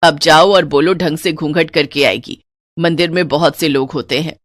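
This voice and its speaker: A woman's voice: deep voice, steady tone, normal speed, no room sound, clean studio sound, voice pushed down. A woman voicing a strict, old-fashioned elderly mother-in-law who talks in a stern, scolding way.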